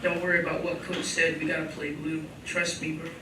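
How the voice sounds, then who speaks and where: A man's voice: fairly high pitch, flat delivery, fairly quick, background noise, close to an everyday voice. A young male performer playing a casual, stubborn college football star in a stage play. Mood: cocky. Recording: echoey hall, distant, music behind.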